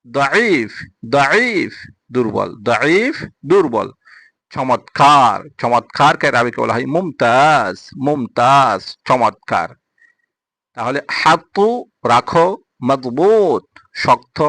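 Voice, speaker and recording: A man with a Bangladeshi accent teaching spoken Arabic phrases, repeating each word and its meaning in a slow drill. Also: fairly high pitch, bright, forceful tone, no echo. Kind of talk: spoken language lesson.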